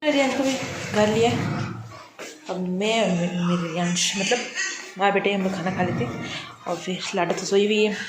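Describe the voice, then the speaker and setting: A woman's voice: mid-range voice, moderate pace. Woman, Rajasthani Hindi accent, home vlog, chatty, echoey room, noisy background. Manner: chatty, talks to viewers as "guys". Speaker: vlogger mother. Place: home indoors.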